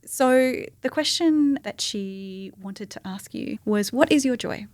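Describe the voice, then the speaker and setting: A woman's voice: fairly high pitch, expressive, takes it slowly, a little mellow, dry recording. A woman hosting a podcast, speaking in a supportive, encouraging and conversational way. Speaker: podcast host. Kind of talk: casual conversational interview.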